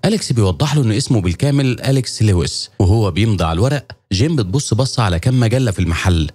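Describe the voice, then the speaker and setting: A man with an Egyptian Arabic accent narrating a scripted film recap in a steady storytelling delivery. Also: medium pitch, breathy edge.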